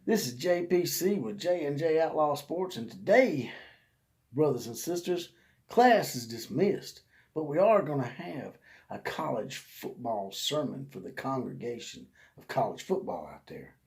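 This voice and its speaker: A man's voice: medium pitch, very animated, unhurried, gravelly, darkish tone. A man hosting his own sports channel, ranting in a folksy, preacher-like way and drawing out words for emphasis. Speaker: sports vlog host. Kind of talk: casual rant in a preacher's manner.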